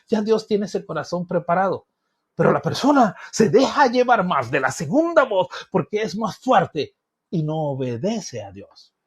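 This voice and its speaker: A man's voice: high voice, breathy edge. A middle-aged male pastor preaching a teaching sermon, acting out voices and objections with emphatic bursts.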